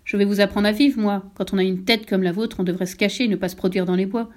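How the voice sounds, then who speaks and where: A woman's voice: medium pitch, steady tone, fast talker, lightly acted. A woman voicing an angry big male wild boar who scolds in an irritated voice, in a storybook reading.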